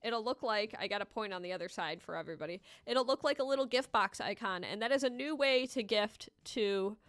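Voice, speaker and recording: Female livestream host, smooth clear voice, playful chatty delivery, close dry sound over music. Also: mid-range voice, fairly quick, fairly bright tone, no room sound. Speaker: livestream host and Etch A Sketch artist. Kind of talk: casual livestream chat and running commentary to viewers.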